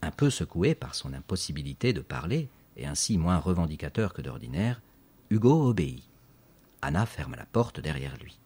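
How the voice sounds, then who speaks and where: A man reads a children's story aloud as narrator. His voice sits very low with a husky grain. He tells it with lively, animated emphasis. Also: moderate pace. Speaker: audiobook narrator.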